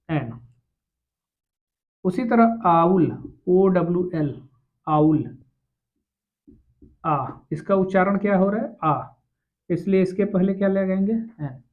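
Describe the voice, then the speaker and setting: A man teaching an English grammar lesson, explaining slowly and asking rhetorical questions. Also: sits high. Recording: tinny phone-like sound.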